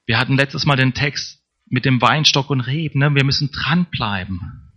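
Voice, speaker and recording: A man's voice: mid-range voice, moderate pace, bright, forceful tone. A man preaching a sermon in a conversational way, often checking in with the congregation. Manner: conversational, tag questions to congregation.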